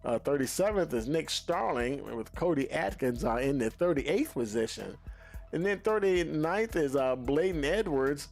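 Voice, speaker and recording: A man's voice: a little high, animated, gravelly, faint music behind. A man hosting a sim racing broadcast, talking in a folksy way full of fillers as he reads out results. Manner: folksy, many "uh" fillers, drawn-out phrasing. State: out of breath. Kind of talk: post-race interviews and results.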